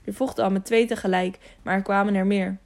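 A woman reading an audiobook voices a calm, caring middle-aged knight who speaks softly and reassuringly. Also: medium pitch, fairly quick, creaky, natural voice.

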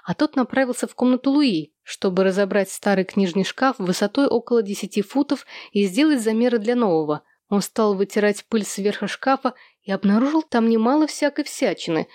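A woman reading a novel aloud as a narrator, in a steady, even storytelling voice. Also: a little high, dry recording, clean studio sound. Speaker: audiobook narrator. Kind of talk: scripted narration.

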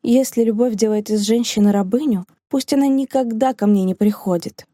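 A woman reading an audiobook, voicing a fiery, indignant young woman who speaks in bitter, sharp outbursts. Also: fairly high pitch, fairly quick, no echo, clean studio sound, lightly acted.

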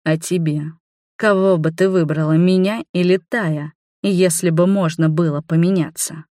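Woman doing a calm, gentle man. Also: fairly low pitch, no room sound, clean studio sound, natural voice. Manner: calm, soft and slow.

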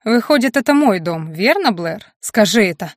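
A woman's voice: mid-range voice, lively intonation, normal speed, no room sound, studio quality. A woman reading the lines of an angry, resentful young male werewolf bear in an audiobook, with a scornful, accusing delivery. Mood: mocking.

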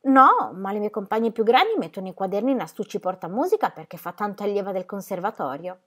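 A woman reading an audiobook, voicing a lively, chatty teenage girl who talks quickly and a little cheekily. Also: medium pitch, natural voice.

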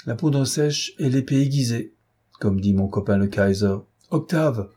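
A man's voice: medium pitch, unhurried, warm tone, husky. A man reading as Arsène Lupin, bold and boastful. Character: self-assured adult male gentleman thief.

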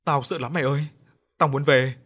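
A man reads a young woman haunted by grief, tearful and pleading in a horror audiobook. Her lines come a little higher and louder than the narration, shaky with fear. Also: fairly even intonation, fairly quick, husky. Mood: fearful. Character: young woman, frightened grieving mother.

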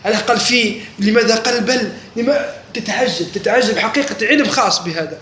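The man's voice is high, fast, pushed and bright as he gives a religious lesson to students. He keeps breaking off to ask whether they follow. The space is echoey, with faint noise in the background.

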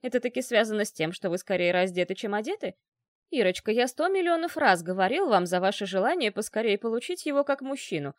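A woman's voice: medium pitch, sing-song, fast, no echo, clean studio sound, lightly acted. A woman voicing a fussy, chattering middle-aged male doctor who talks in a wheedling way.

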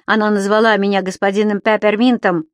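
A woman's voice: mid-range voice, level tone, a little fast, no room sound, lightly acted. A scheming, pompous middle-aged official, played by a woman reader, curt and commanding, sliding into false politeness. Read close and dry, as in a storybook.

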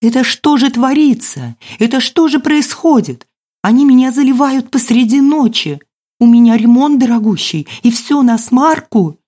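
Hysterical neighbor lady, shrill, very high, loud, outraged, audiobook. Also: expressive, moderate pace. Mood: outraged shrieking. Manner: screeching, outraged. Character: shrill hysterical middle-aged woman neighbor.

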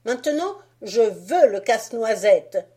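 A woman's voice: a little high, big pitch swings, a little slow, breathy edge, pitched above the performer's own voice, full character voice. Fritz, a woman playing a swaggering bossy boy. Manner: loud, swaggering.

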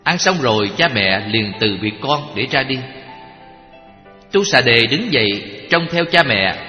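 A man reciting a Buddhist scripture story in a measured, solemn storytelling manner. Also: medium pitch, very animated, sharp tone. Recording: echoey hall with faint music.

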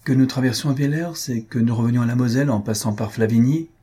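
A man's voice: mid-range voice, fast, warm tone, breathy edge, close to an everyday voice. Man reading an earnest devoted admirer. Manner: earnest, tender questioning. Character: young gentleman, devoted admirer, earnest and jealous.

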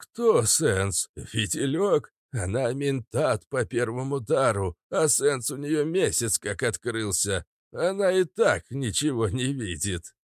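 An easygoing, sly young prince, voiced by a male reader, close to the reader's own voice with a lively lilt. The recording is dry. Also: medium pitch, takes it slowly, hardly any pauses, no room sound, pitched above the performer's own voice. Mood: amused.

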